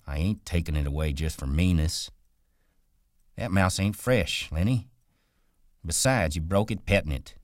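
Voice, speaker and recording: A man with a deep voice voicing an irritable, hot-tempered migrant worker who scolds in quick, exasperated bursts. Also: no echo, studio quality. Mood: softened.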